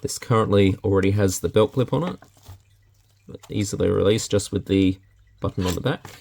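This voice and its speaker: An Australian product reviewer with a fairly low, slightly mellow voice talks at a moderate pace through a casual, unscripted unboxing and demonstration. Laid-back, he thinks aloud while handling items, with clear background noise and handling clicks on the recording.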